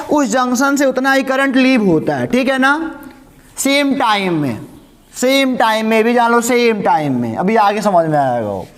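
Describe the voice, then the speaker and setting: Male physics teacher, very high voice, repetitive drilling delivery, reverberant room. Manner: repetitive, drills each point, slow dictation. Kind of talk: classroom lecture.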